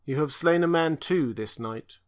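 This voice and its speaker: Performing the same ancient, blind and tortured alien, a man pitches his voice a little high, above his natural register, with light acting at a normal speed. The creature's delivery is raised, mournful and chanting, full of lament and pleading.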